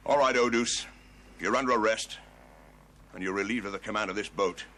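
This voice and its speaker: An actor playing a stern middle-aged army sergeant in a period television drama, blunt and authoritative. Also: male voice, on the low side, brisk, bright, forceful tone. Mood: commanding.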